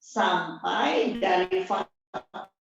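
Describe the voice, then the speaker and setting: A woman's voice: lowish voice, very slow, creaky. A middle-aged woman preaching a sermon, blunt and emphatic, repeating her key phrases. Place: church hall. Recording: distant, dull, very echoey room.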